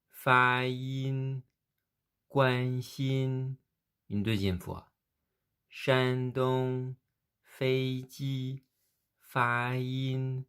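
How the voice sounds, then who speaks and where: A man's voice: sits low, a little mellow. A man teaching a pronunciation lesson, drawing out the tones of example words with care. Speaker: Chinese language teacher.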